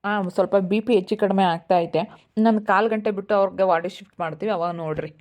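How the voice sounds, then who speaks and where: A woman's voice: mid-range voice, fairly even intonation, fast talker, a little mellow, close to an everyday voice. An actress playing a matter-of-fact woman doctor who delivers bad news bluntly.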